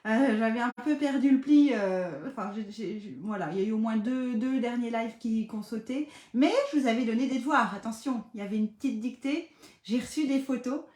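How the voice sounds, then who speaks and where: A middle-aged woman from western France leads a live paper craft lesson, talking in a chatty, playful way full of little hesitations. Her voice sits a touch high. The room around her rings with echo. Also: fairly quick, a little mellow. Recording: echoey room.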